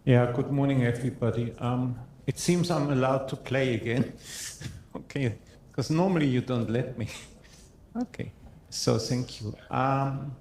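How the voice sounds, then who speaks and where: A man's voice: mid-range voice, measured pace, a little mellow, slight background noise. A man who is a pediatrician and professor, opening his question in a joking, friendly way. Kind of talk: conference question. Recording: echoey conference hall.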